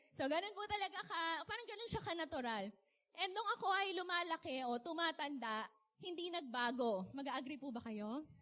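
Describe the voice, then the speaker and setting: A young woman from the Philippines giving a chatty, animated sermon, laughing often and asking her audience questions. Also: high voice. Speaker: speaker. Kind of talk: casual sermon talk.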